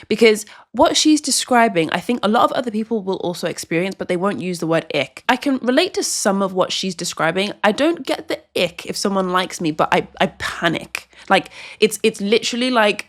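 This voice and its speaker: A young woman hosting a casual vlog, talking earnestly to the camera with frequent restarts and filler likes. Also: medium pitch. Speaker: video host.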